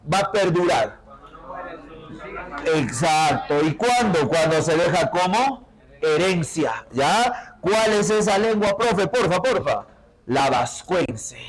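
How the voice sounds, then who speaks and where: A male teacher with a Peruvian accent leading an interactive lesson, firing quick questions at his students and pushing them to answer. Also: high-pitched, low-quality recording. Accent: Peruvian Spanish.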